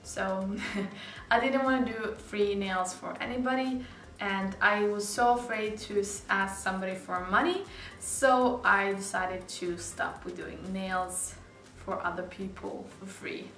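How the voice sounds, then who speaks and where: A young Serbian beauty vlogger, speaking English as a second language, chats casually to the camera in a bright living room with a sofa and plants, using lots of "like" and small laughs. Her voice is mid-range and a bit bright at a measured pace. Soft music plays, the room echoes, and the mic sounds slightly distant.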